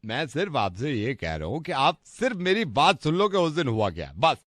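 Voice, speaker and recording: A man's voice: a little high, very animated, moderate pace, fairly bright tone, dry recording, studio quality. A man on a radio prank call, earnestly rambling through a nonsense story.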